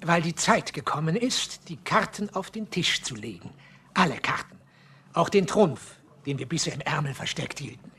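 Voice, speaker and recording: Smug corporate villain for a radio play, husky, high voice. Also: male voice, animated, moderate pace, pushed and bright, heavily acted. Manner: formal, precise, self-satisfied.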